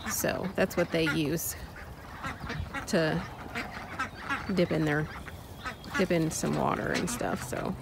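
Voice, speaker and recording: Here a female farm vlogger narrates while filming in an outdoor pen of birds, taking her time, pausing frequently and restarting sentences amid plenty of ums. Her voice is low and her intonation fairly even. Ducks and chickens are audible behind her, and the outdoor phone audio catches clear farm noise.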